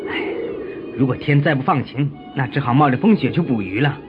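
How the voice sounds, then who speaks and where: A man's voice: medium pitch, expressive, fairly quick, over loud music, lightly acted. Man acting sighing young fisherman, muffled recording. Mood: worried. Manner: sighing, exclamatory. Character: poor, weary, good-hearted young fisherman in a folktale. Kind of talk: children's audio story acting. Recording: dull, noisy lo-fi recording.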